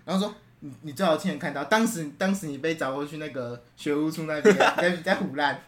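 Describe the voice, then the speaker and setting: A man's voice: a little high, fast, a crowd in the background. A young man telling a rambling school story in casual chat, restarting often and laughing as he talks.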